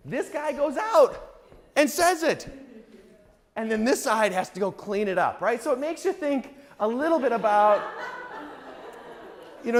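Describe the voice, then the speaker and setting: A male political science lecturer giving a public talk in a conversational, sarcastic way, often checking in with the audience. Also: very high-pitched. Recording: echoey hall with long reverb.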